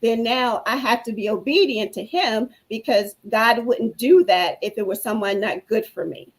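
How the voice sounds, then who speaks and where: A woman's voice: fairly high pitch, normal speed, rough recording. Earnest woman giving preacherly testimony. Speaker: guest speaker. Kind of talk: personal testimony on a talk show.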